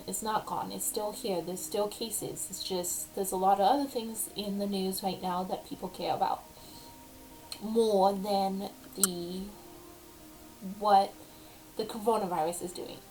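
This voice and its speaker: A young woman with a speech impediment giving a casual personal update as a vlogger, speaking haltingly with many ums. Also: medium pitch, fairly even intonation, mellow, faint music behind, low-quality recording.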